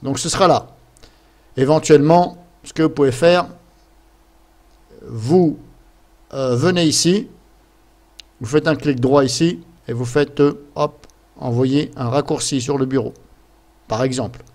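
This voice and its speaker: A man giving a casual software tutorial, talking through clicks and folders, thinking aloud with fillers and small self-corrections. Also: mid-range voice, a little slow, long pauses. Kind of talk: screen-recorded software tutorial.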